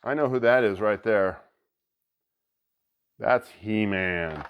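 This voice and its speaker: A man hosting a board game channel, chatting excitedly as he unboxes a new game and thinks aloud. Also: on the low side, takes it slowly, clean tone, highs cut off. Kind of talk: casual unboxing commentary.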